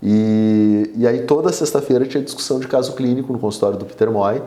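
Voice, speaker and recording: A man's voice: medium pitch, quick pace. A man from Brazil, a surgeon guest telling stories in a casual interview, full of fillers. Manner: animated storyteller, many fillers like 'né' and 'cara'. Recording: roomy echo.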